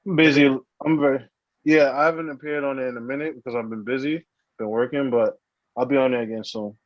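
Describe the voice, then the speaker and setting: A man's voice: mid-range voice, fairly even intonation, fast talker, no room sound, lo-fi sound. Easygoing man guesting on a podcast. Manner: easygoing, blunt, swears. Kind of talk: casual chat.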